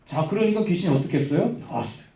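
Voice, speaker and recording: A man preaching a Sunday-school sermon, telling a Bible story with lively animation and quizzing the children by name. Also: fairly high pitch, racing, vocal fry, far from the mic. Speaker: children's pastor. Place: church hall. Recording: roomy church hall, voice from afar.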